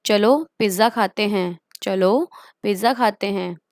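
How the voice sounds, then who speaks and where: Slow, deliberate woman teaching phrases. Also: mid-range voice, a little mellow, no room sound, clean studio sound. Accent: Indian. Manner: says each phrase twice, very slowly, then explains quickly. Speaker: English teacher. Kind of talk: spoken English lesson.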